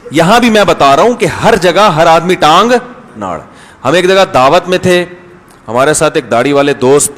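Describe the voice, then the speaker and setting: High-voiced male cleric in a reverberant hall. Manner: conversational, anecdotal, acts out voices in stories. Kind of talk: storytelling religious talk.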